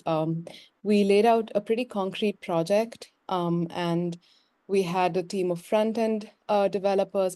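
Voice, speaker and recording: A young woman PhD student introduces her work over a video call. Her voice sits low and mellow, and she pauses often with uhs and ums. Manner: hesitant, many uh and um fillers. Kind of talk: self-introduction.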